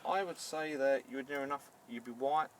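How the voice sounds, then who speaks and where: Inside a camper van, a home baker with a Northern Irish accent talks through a recipe in an unscripted, casual way, his medium-pitched voice brisk against crowd noise. He hesitates and repeats words at the start of phrases, recorded on a distant mic with faint background noise.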